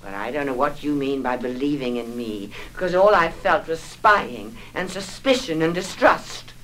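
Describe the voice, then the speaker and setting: A woman's voice: deep voice, expressive, moderate pace, a bit bright, slight background noise, poor audio. An anxious, rambling mother. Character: nervous, fragile middle-aged mother. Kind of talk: 1960s film acting.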